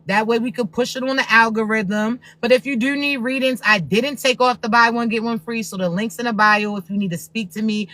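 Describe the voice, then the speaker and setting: A woman's voice: fairly high pitch, pushed and bright, dry recording. A woman spiritual reader giving a blunt, profane, preachy pep talk to viewers on a livestream.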